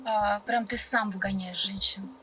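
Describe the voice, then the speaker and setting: A woman's voice: medium pitch, fairly even intonation, unhurried, a crowd in the background. A woman in casual conversation on a date inside a car. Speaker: date in a prank. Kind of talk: casual chat.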